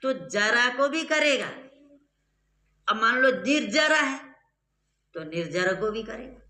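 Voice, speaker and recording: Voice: mid-range voice, lively intonation, slow, pushed and bright. A grammar teacher giving a classroom lecture, explaining step by step and quizzing the students. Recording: echoey room.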